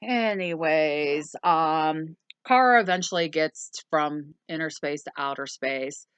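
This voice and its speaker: A woman's voice: low-pitched, slow, clear, resonant tone, no echo. A woman co-hosting a movie review, casually summarizing the plot in a rambling way with lots of ums. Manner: rambling, with frequent ums and plain swearing.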